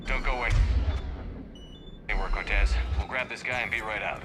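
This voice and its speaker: An actor playing a calm, firm male military commander in a video game, giving direct orders. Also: fairly low pitch, normal speed, noisy background, natural voice. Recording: loud game score behind the voice.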